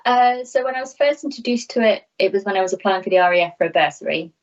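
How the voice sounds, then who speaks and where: Speaking quickly in a mid-range voice, a thirty-something air traffic controller joins an interview from a small room at home, keeping her answers frank, conversational and self-deprecating. The sound is a bit dull, coming through a video call on a laptop held at arm's length.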